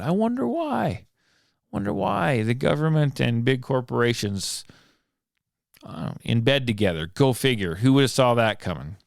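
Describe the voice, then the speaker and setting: A middle-aged man hosting a casual solo podcast, rambling with many restarts and repeated words, and a little hoarse because his voice is going. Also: on the low side, no room sound, clean studio sound. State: losing his voice. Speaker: podcast host.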